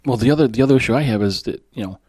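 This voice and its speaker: A man's voice: medium pitch, warm tone, husky, no room sound, clean studio sound. A man co-hosting a podcast, talking bluntly and with lots of swearing. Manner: fast, profane, blunt. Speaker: podcast co-host. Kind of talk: casual chat.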